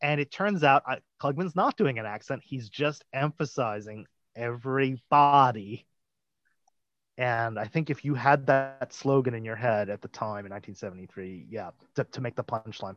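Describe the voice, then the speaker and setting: A man co-hosting a podcast in casual chat, animated, laughing now and then and acting out what he once thought. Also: medium pitch, fairly quick, few pauses. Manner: animated, laughs, acts out quotes. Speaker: podcast co-host. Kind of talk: casual chat about a TV episode. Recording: dull lo-fi dry sound.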